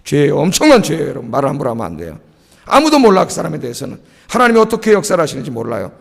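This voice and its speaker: A male pastor preaching an emphatic sermon, repeating key words in a low aside. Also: wildly swooping pitch, rapid-fire, gravelly. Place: church sanctuary. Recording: long church hall reverb.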